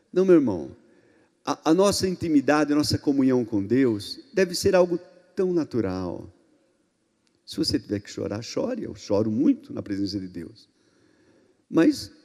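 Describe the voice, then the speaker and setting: A Brazilian pastor preaching a sermon in an emphatic way, swinging between loud outbursts and hushed passages. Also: male voice, fairly high pitch. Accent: Brazilian Portuguese. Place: church hall. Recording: long reverb in a church hall.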